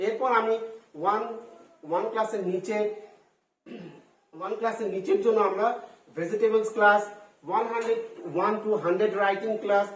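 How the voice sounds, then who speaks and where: Woman teacher doing a kids lesson, spells stuff out letter by letter, keeps asking right?, echoey room, mic kinda far off. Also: medium pitch. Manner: mixes English into talk, spells words out letter by letter, tags questions to pupils. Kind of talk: online school lesson for children. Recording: roomy echo, far from the mic.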